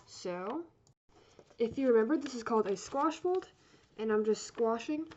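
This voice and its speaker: A woman's voice: on the high side, moderate pace. A woman giving a casual step-by-step craft tutorial as an instructor, chatty and rambling, often apologetic and correcting herself. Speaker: origami course instructor. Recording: dull lo-fi sound, steady noise.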